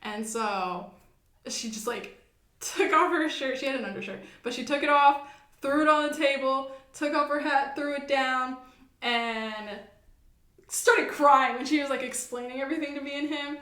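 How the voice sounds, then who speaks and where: A young woman co-hosting a podcast, telling a workplace story in a lively, animated way with frequent laughs. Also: sits high, normal speed. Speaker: podcast co-host. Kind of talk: casual chat. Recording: echoey room.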